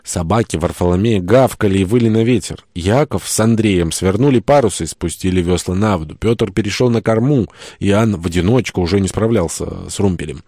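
A man tells a comic story in the first person with wry, lively delivery. His voice sits very low, and the recording is dry and close with no room sound. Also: a little fast, no echo. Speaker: narrator. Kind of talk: first-person audiobook narration.

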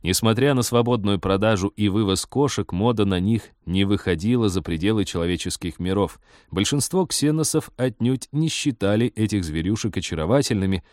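A man narrating a humorous story in a measured, wry audiobook reading. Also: on the low side, darkish tone, no room sound, studio quality.

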